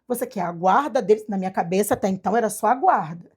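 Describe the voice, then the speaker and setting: A woman from Brazil telling her adoption story in a casual chat, animated and acting out the voices of people she quotes. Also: mid-range voice, fast talker, slightly rough. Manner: animated, acts out quoted dialogue. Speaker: guest, adoptive mother.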